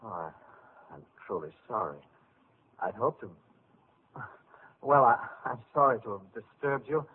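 An actor playing an earnest young gentleman suitor in a vintage radio play, polite and hesitant. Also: medium pitch, animated, unhurried, pauses often. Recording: tinny noisy old radio broadcast.

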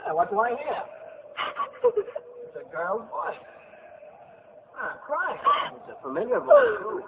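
An actor voicing the kindly spirit of the month of March in a vintage radio play, concerned and gentle. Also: male voice, very high voice, huge pitch swings, takes it slowly, creaky, exaggerated voice. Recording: tinny noisy old radio broadcast.

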